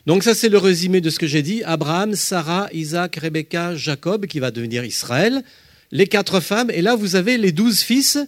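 A man teaching a Bible study, walking listeners through slides with emphatic, lively explanations. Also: sits high, normal speed, no echo, clean studio sound.

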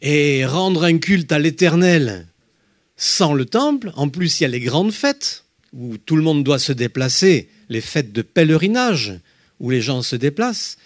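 A man leads a Bible lesson, his voice rising and falling with real animation as he stresses names and dates. He sits a little high for a man, and the sound is close and dry, with no room around it. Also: a little slow, no room sound. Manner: emphatic, lively teaching with spoken asides. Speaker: Bible teacher. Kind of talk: Bible study lesson with slides.

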